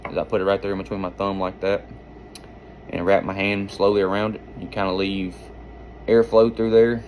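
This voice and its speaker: Low-voiced man giving an informal tutorial. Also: darkish tone, slight background noise, poor audio. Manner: folksy, rambling explanations. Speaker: duck-calling instructor and hunter.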